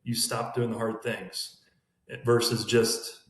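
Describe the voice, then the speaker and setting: A man talking fast in a casual team podcast chat, recorded in an emptied room with an echo. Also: mid-range voice, flat delivery. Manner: talks fast in long run-on thoughts. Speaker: sales team member. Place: room emptied out with bare walls. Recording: echoey bare room.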